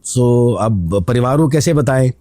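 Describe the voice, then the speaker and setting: A man's voice: mid-range voice, expressive, unhurried, mellow, dry recording, studio quality. A man founder being interviewed on a podcast, explaining at length with anecdotes and slipping English phrases into his talk. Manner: mixes in English phrases while talking. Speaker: matchmaking site founder, guest.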